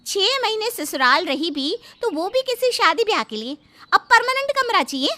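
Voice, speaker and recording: A woman's voice: very high voice, big pitch swings, normal speed, sharp tone, exaggerated voice. A woman voicing a put-upon young daughter-in-law who complains and defends herself. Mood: complaining.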